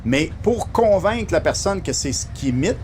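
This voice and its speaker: This is a Québécois impressionist in his fifties chatting on a podcast. His voice sits slightly high and rises and falls with lots of life, often stopping and restarting mid-thought. There is a faint wash of room noise underneath. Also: moderate pace. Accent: Quebec French. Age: 50s. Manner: animated, hesitant, with many restarts. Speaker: guest impressionist. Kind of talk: casual conversation.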